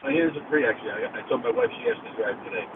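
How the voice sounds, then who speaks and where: Man, call-in caller, cave-like echo, tinny car phone line, steady road noise. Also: fairly high pitch, very fast. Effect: hollow cave-like echo on a car phone. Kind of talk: casual call-in chat. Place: inside a car being driven. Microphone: hands-free car phone.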